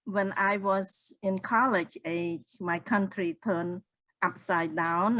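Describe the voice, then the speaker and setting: Slow Cambodian-accented older woman. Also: medium pitch, a bit bright, low-quality recording. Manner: unhurried, with restarts and non-native grammar. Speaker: guest, speaker and author. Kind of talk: interview answers.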